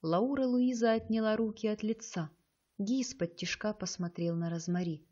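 A woman narrating an audiobook with a measured, expressive reading. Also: medium pitch, slightly rough, highs cut off.

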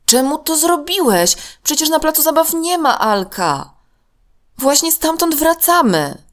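A young girl in a children's storybook, her voice pitched high and bouncing with surprise. She questions her friend in a slow, reproachful way, as a woman puts her on. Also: big pitch swings.

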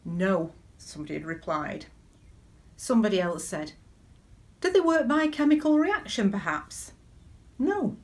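Leading worship from her small living room, a middle-aged woman deacon preaches in a measured, conversational way at a medium pitch. She moves between everyday anecdotes and reflective preaching, putting rhetorical questions to the listener.

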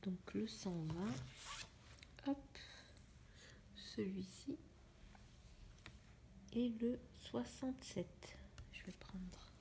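A young woman chatting in a casual coloring vlog, musing to herself in a soft, often half-whispered voice. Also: mid-range voice, drawn-out words, gravelly, pauses often. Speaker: vlogger. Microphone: phone camera.

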